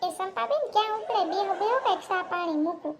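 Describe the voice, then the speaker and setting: A woman's voice: very high-pitched, quick pace, very noisy. A woman voicing a lazy, hospitable but evasive housewife in a cartoon, with a Kathiawadi Gujarati accent. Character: lazy housewife lounging in front of TV.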